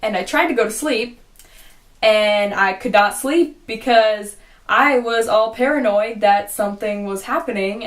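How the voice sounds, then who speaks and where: A young woman casually telling a storytime vlog, rambling with lots of "like" and swearing, and quoting her own reactions in a hushed voice. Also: mid-range voice. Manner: rambling, heavy use of "like", frequent swearing. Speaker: vlogger.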